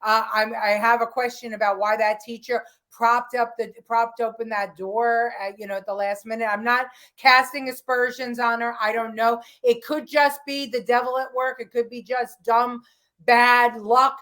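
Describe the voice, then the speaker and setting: A woman's voice: fairly high pitch, flat delivery, normal speed, a bit bright. A woman co-hosting a political talk show, talking in an emphatic, opinionated way with frequent restarts. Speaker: podcast host.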